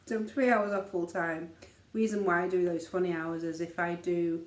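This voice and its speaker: A woman's voice: on the low side, little pitch movement, normal speed, echoey room. A middle-aged woman, a mother chatting casually in an easygoing, rambling way as co-host. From Liverpool, England. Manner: rambling, easygoing, filler-heavy. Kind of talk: casual chat.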